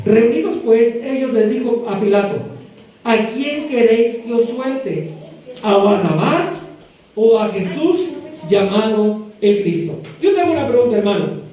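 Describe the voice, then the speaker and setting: A man preaching a sermon, reading scripture verses slowly and asking the congregation direct questions. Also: very high voice, animated, dark tone, far from the mic. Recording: echoey hall, voice picked up from afar.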